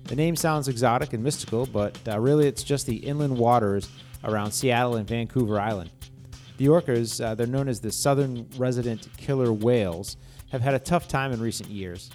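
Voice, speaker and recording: A man's voice: mid-range voice, normal speed, a little mellow, faint music behind. New England man hosting a podcast. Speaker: podcast host. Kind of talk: podcast intro and interview.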